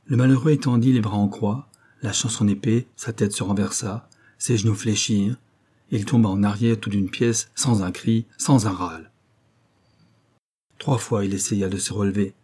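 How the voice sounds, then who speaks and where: A man narrating a novel as an audiobook in a steady, measured reading. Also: lowish voice, breathy edge.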